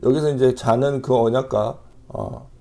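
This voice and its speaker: A man preaching a sermon as pastor, reading scripture aloud and explaining it in a measured way with frequent pauses. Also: mid-range voice, steady tone, gravelly, dark tone.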